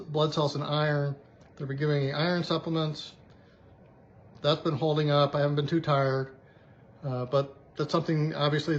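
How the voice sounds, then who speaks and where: A man chatting in a casual video diary, upbeat and rambling as he shows things off. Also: on the high side. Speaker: vlogger. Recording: dull lo-fi sound with faint background hiss.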